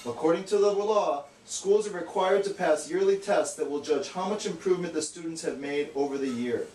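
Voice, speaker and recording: In a fairly high, slightly mellow voice at normal speed, a man serves as a puppet show's straight man, earnestly and matter-of-factly explaining scripted educational material. Faint noise sits under an echoey, distant recording.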